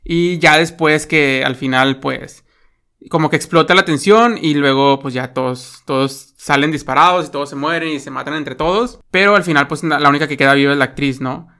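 A man's voice: fairly high pitch, moderate pace, sharp tone. A man with a Mexican accent chatting casually about a film, rambling with lots of fillers and tag questions.

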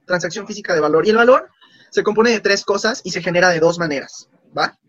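A man's voice: high-pitched, fast talker, dry recording, muffled recording. A man, casually telling stories in an interview and acting out the dialogue. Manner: animated, acts out quoted dialogue. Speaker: guest.

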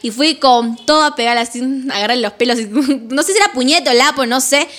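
A woman's voice: high voice, fairly quick. A woman, co-hosting a casual chat and telling school stories with frequent laughter. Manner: animated, laughs often while telling anecdotes.

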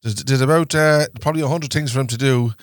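A man's voice: medium pitch, fast, dry recording, studio quality. An Irish man co-hosting a podcast in casual comedic chat, laughing often and putting on a mock newsreader voice. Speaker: podcast co-host.

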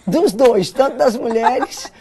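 A woman's voice: on the high side, animated, takes it slowly, warm tone. A woman pastor hosting a church talk show, chatting with a guest and offering encouraging affirmations. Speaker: pastor and host. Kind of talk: interview chat.

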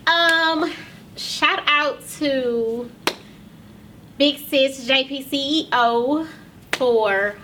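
Woman, show host, casual and rambling, holding back tears, bright voice, distant mic. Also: high-pitched, slight background noise. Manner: loose and chatty, with many ums and pauses. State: close to tears. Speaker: podcast and talk show host. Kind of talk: casual address to viewers.

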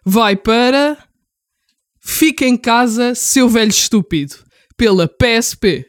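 A woman with a European Portuguese accent formally announcing awards in a scripted, drawn-out way with pauses. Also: fairly high pitch, expressive, no echo, clean studio sound. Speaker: awards presenter.

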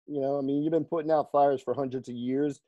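A man who coaches firefighters on fitness, telling stories in an interview, lively and laughing often as he acts out the people he quotes. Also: medium pitch, fast talker, no echo, dull audio. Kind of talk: storytelling in a conversational interview.

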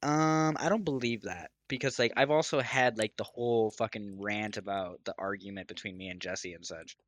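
A man's voice: on the low side, normal speed, a bit bright, no echo. A young man co-hosting a casual podcast chat, easygoing and teasing, dropping in lots of short replies. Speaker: podcast co-host.

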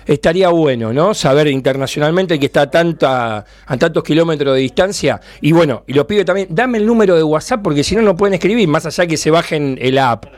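A man with a Rioplatense Spanish accent hosting a casual, jokey fan radio show, fast-talking and excitable. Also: fairly high pitch, dry recording.

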